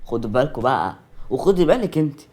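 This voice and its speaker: A man's voice: medium pitch, very animated, very fast, darkish tone. A storyteller voicing a playful young man teasing his friends, with an Egyptian accent. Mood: joking.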